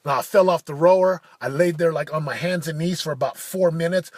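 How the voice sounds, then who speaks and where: A man in his forties giving a punchy, emphatic motivational monologue that builds to shouted declarations. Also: on the high side, a little fast, no echo, clean studio sound. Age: 40s. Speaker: motivational speaker.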